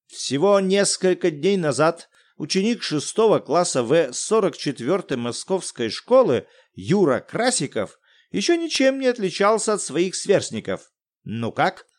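A man's voice: high voice, very animated, unhurried, voice pushed up. A man voicing a teasing young lab assistant in an audiobook. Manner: teasing, breezy.

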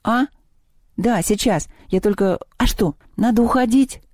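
A woman's voice: medium pitch, brisk, dark tone, dry recording, clean studio sound, voice pushed up, natural voice. Woman voicing a plaintive, absent-minded schoolboy. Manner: plaintive, distracted.

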